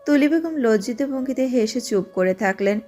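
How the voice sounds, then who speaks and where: A woman giving steady, scripted narration of an audio drama. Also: a little high, moderate pace, faint music behind. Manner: steady storytelling.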